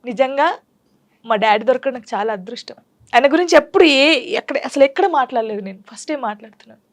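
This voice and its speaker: A woman's voice: sits high, animated. A young adult woman talking candidly and emotionally as a guest in a casual interview. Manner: candid, emotional, quick storytelling.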